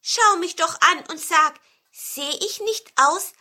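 A woman voicing a small, timid male pine cone in a storybook, speaking in a high, pleading voice. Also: takes it slowly, pushed and bright, heavily acted. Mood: pleased. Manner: fearful, pleading, high and squeaky.

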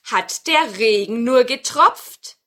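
Woman doing a slow, careful old grandmother. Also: fairly high pitch, lively intonation, bright, forceful tone, exaggerated voice. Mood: deliberate. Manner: slow, deliberate and questioning. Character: clever, careful old grandmother in her kitchen.

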